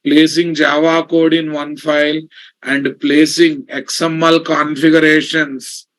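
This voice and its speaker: Slow-dictating man with Telugu Indian accent. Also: a little high, flat delivery, a bit bright, low-quality recording. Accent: Telugu Indian English. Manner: repeats phrases, checks students with questions. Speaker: programming instructor. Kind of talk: live lecture with slow dictation and repetition.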